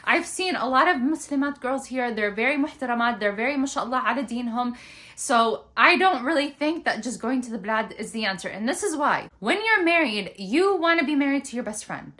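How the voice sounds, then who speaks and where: A woman's voice: sits high, animated, a little fast, bright, forceful tone. A young woman giving casual, chatty marriage advice, emphatic and checking in often with "okay?", mixing in Arabic words. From born in Germany, grew up in the US. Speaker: advice vlogger. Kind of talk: casual advice talk to the camera. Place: Chicago.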